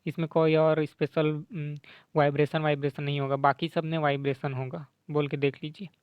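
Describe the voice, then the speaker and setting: A man teaching grammar, explaining quiz answers slowly and repeating letters aloud, often asking "है ना?" and mixing in English words. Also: on the high side, little pitch movement, clear, resonant tone, dry recording, narrow, tinny audio. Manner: slow, repetitive, checks in with "है ना?"; sounds out letters slowly to demonstrate.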